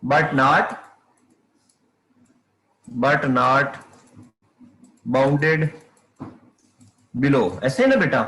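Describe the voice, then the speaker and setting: A man's voice: mid-range voice, animated, very slow, long pauses, fairly bright tone, roomy sound, slight background noise. A man teaching a math class online, often calling his students "beta" and checking whether they can hear him. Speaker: math lecturer.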